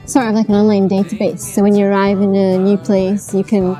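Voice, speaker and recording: A woman's voice: mid-range voice, little pitch movement, brisk. A woman explaining things in an easygoing way in a documentary interview. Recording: loud music and crowd behind.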